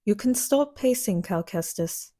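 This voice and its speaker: A woman's voice: medium pitch, expressive, unhurried, warm tone. A woman playing a stern, fiery young woman warrior who speaks in blunt, clipped lines.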